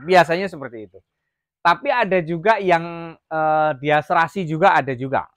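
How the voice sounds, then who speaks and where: A man's voice: fairly high pitch, moderate pace, fairly bright tone, no room sound. A man from Jambi, Indonesia, running a casual farm vlog about raising quail, rambling with many fillers and restarts. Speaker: quail farmer vlogger. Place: quail farm, near the cages.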